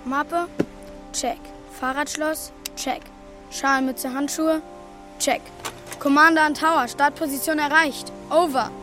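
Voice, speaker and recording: A woman's voice: high voice, steady tone, slow, music in the background. A woman voicing an imaginative, stubborn young schoolboy in a film. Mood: playful. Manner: plays pilot games, earnest.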